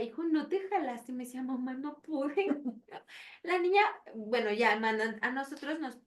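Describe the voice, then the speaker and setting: A woman with a Mexican Spanish accent, co-hosting a parenting podcast as a psychologist, telling stories in an animated way with acted quotes. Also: on the high side, distant mic. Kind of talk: casual podcast chat.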